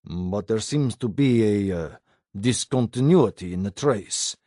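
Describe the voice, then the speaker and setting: A man's voice: on the low side, animated, unhurried, dark tone, dry recording, clean studio sound. A man reading an audiobook, voicing a human fleet admiral in a clipped, commanding way. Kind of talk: audiobook character voice.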